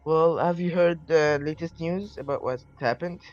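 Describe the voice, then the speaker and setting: A man's voice: on the high side, normal speed, darkish tone, dull audio, soft background music. A man playing his character in a tabletop game, talking in a hesitant, stumbling way. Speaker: player. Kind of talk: in-character tabletop role-play.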